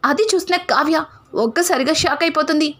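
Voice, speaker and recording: A woman's voice: high-pitched, a little fast, fairly bright tone. A woman retelling a TV serial episode in a dramatic storytelling style, voicing the characters' quoted lines herself with emotional emphasis.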